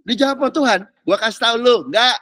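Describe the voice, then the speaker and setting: A man preaching, teasing and animated in slangy street talk, mimicking people as he goes. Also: very high voice, a little fast, dry recording, studio quality. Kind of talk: sermon.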